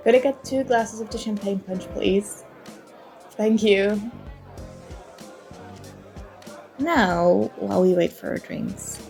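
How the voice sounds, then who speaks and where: In an ASMR roleplay, a woman with a creaky, mid-range voice acts as a flirty, charming stranger at a party bar, playful, teasing, coy and mock-apologetic in a one-sided acted conversation. Soft music and crowd murmur from the party fill the background.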